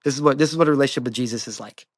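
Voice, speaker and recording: A young man talking about his faith on a podcast, casual and slangy, speaking in quick bursts with frequent restarts. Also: medium pitch, dry recording, clean studio sound. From Mexico. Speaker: podcast guest sharing his faith testimony. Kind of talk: animated faith talk.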